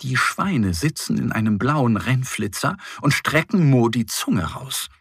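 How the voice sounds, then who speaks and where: A man narrating a scripted children's story in a gentle, expressive reading style. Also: medium pitch, measured pace, creaky, breathy edge, dry recording, clean studio sound.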